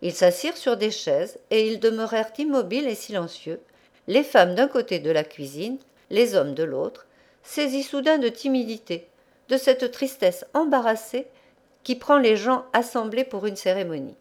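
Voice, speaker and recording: Lady reading a classic story out loud, very lively voice, storyteller vibe. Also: fairly high pitch, normal speed. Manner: expressive storytelling. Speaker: audiobook reader. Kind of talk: literary audiobook narration.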